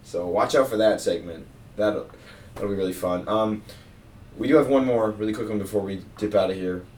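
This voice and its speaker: A man's voice: lowish voice, moderate pace, darkish tone, slight background noise. A young man hosting a podcast in casual chat, rambling with lots of fillers. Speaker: podcast host. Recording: roomy sound, mic at a distance.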